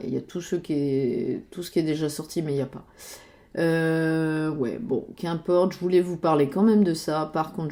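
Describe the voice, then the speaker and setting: A woman's voice: lowish voice, dark tone. A woman chatting casually about board games while searching websites, hesitating with many fillers and muttering to herself. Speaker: board game youtuber.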